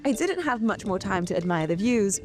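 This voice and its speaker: Woman, mid-pitched, relaxed vlog voice-over with music underneath. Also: a little fast. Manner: relaxed storytelling. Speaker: travel vlogger. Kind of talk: voice-over narration.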